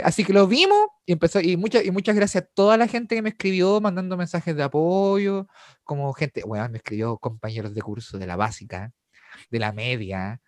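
A young Chilean man telling a story in a casual chat, animated, laughing and full of slang. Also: high-pitched, dry recording, clean studio sound. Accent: Chilean Spanish.

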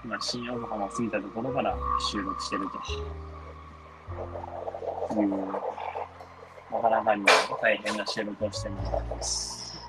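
Male host, weary, slightly low register, informal talk from a train, prominent music underneath. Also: flat delivery, a little slow, pauses often, rough recording. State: tired. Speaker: podcast host. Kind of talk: casual chat. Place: aboard a moving bullet train.

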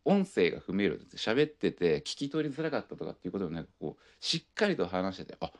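A man's voice: deep voice, very animated, fast. A young man in his twenties hosting a solo podcast, telling a rambling, laid-back story with lots of fillers. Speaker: podcast host. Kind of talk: casual solo chat.

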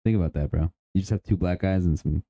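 A man's voice: deep voice, quick pace, creaky, warm tone, no echo. A young man co-hosting a podcast in casual chat, crude and boastful, swearing a lot. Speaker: podcast co-host.

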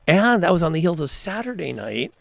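This game master and podcast co-host has a fairly high, gravelly voice with a sing-song lilt, and he talks briskly. In a dry recording, he shares tabletop game stories in casual, enthusiastic chat, restarting often.

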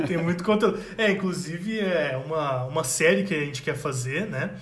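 A man's voice: on the high side, normal speed, reverberant, crowd noise. A man co-hosting a casual chat, easygoing and asking his partner questions. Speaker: co-host.

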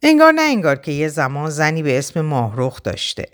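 A bitter, aggrieved young man with a low voice that rises and falls a lot, as a woman narrator reads him. He sounds resentful and complaining, like a character in a read-aloud novel. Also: wildly swooping pitch.

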